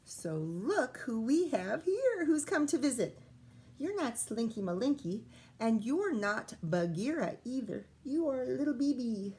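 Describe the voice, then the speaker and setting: A female primary school teacher reads a story aloud to her pupils in an expressive, sing-song style, slipping in coaxing questions for the young listeners. Her voice is slightly high and her pace very measured.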